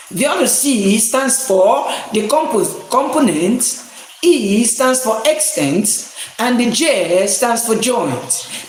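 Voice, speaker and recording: A woman teaching an anatomy lesson, repeating points slowly and checking in with "okay?" after each one. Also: mid-range voice. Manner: slow, repetitive, checks in with "okay?". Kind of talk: live online anatomy lesson. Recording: very echoey room, faint noise.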